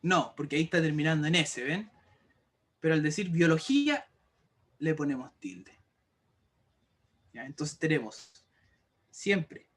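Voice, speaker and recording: A man's voice: on the high side, lively intonation, a little slow, pauses often. A male teacher explaining grammar rules to an online class, patient and repetitive, often checking if students follow. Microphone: computer mic for an online class.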